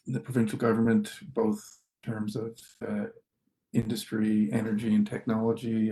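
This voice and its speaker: A man giving halting remarks at an online meeting, with restarts, his video call audio glitching and breaking up. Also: mid-range voice, a little mellow, slight background noise, rough recording. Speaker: project lead thanking partners.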